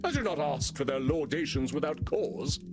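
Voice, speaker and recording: Game vampire male actor: hammy stage thespian, vain and melodramatic, high-pitched and wildly animated. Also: moderate pace, lightly acted. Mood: haughty. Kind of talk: theatrical video game character acting. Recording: music behind the voice.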